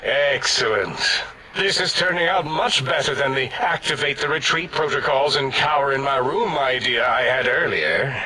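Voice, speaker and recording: A man's voice: medium pitch, expressive, moderate pace, slight background noise, low-quality recording. An actor voicing a pompous, imperious male scientist in a video game, given to sudden outbursts. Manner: blustering, imperious, with sudden shouts. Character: pompous, bossy male scientist brain, quick to temper.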